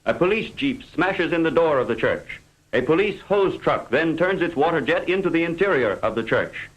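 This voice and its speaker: Man narrating an old newsreel, higher-pitched voice. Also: animated, moderate pace, poor audio. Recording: old newsreel film soundtrack.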